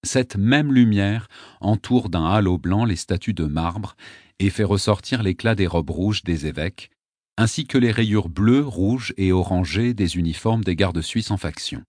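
A man reading a novel aloud as an audiobook narrator, in a measured, even way. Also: low voice, no room sound, studio quality. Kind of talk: scripted narration.

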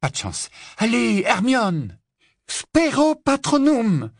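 A man's voice: mid-range voice, big pitch swings, a little fast, slightly rough, dry recording, clean studio sound, voice pushed up. A man voicing a determined teenage boy wizard in an audiobook, giving urgent commands.

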